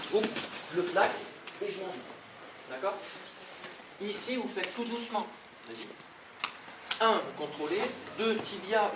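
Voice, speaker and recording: Recorded by a far-off camera mic in a reverberant hall with background noise, a self-defense instructor runs a live class. His voice is on the high side, and he gives instructions while frequently asking "okay?"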